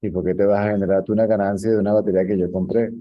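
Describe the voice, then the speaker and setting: A man's voice: lowish voice, flat delivery, racing. A man giving an informal spiritual teaching talk, telling anecdotes and often checking that his listener follows. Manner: conversational, often checks understanding, laughs at his own stories. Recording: dull lo-fi recording.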